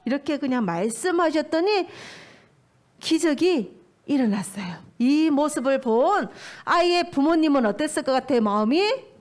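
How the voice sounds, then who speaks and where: A woman preaching to small children, telling a story with animated, exaggerated delivery. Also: high-pitched, moderate pace. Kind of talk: storytelling sermon for young children.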